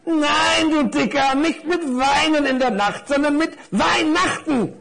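A man voicing a small, jaded gift-wrapped tie in a children's story, a squeaky, lecturing know-it-all. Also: animated, unhurried, fairly bright tone, exaggerated voice. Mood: exasperated.

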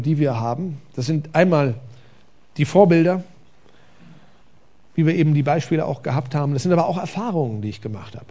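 Man, pastor, sermon, gravelly voice, fairly high pitch, conversational preaching, church stage. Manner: conversational, lively preaching with rhetorical questions.

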